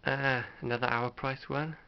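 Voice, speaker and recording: With vocal fry, fairly even intonation and a normal speed, a middle-aged British man in a mid-range voice rambles hesitantly and understatedly, like a host presenting his collection. It's an unscripted show-and-tell vlog captured as a dull lo-fi home recording.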